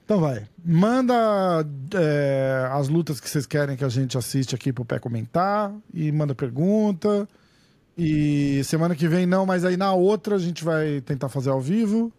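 A man with a Brazilian accent hosting a podcast in casual, slangy chat, with a raspy voice. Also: on the high side, expressive, normal speed, a little mellow, no room sound. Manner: slangy, swearing, informal. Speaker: podcast host.

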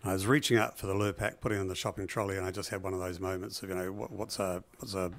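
A man with a New Zealand accent, telling his business story in a relaxed interview, with many ums and restarts. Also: deep voice, rapid-fire, slight background noise. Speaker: business founder guest.

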